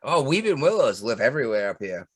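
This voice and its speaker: A man's voice: medium pitch, sing-song, quick pace, fairly bright tone, breathy edge. A man with a Boston accent bantering casually as a podcast co-host, swearing freely as he tells stories. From Boston area, United States.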